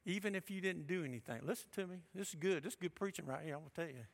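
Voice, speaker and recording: A male pastor preaching a sermon, emphatic and shifting between loud and hushed delivery. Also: fairly high pitch, very fast, creaky.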